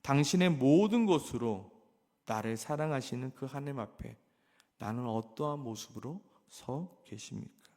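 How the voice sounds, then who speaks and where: Impassioned preacher in a reverberant hall. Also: male voice, animated, a little slow. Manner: impassioned, swinging from loud emphatic peaks to hushed low passages; rhetorical questions to the congregation. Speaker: pastor. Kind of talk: sermon.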